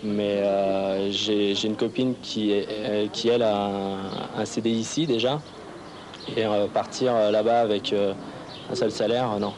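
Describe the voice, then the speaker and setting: Male interviewee from Portugal, low and flat, hesitant. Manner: hesitant, full of pauses. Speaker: employee interviewee.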